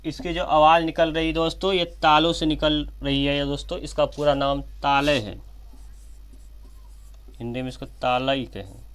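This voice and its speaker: A man's voice: a little high, flat delivery, a bit bright, clean tone. Man teaching at a whiteboard. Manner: addresses viewers as friends often, slow and repetitive, self-correcting. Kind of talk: whiteboard grammar lesson.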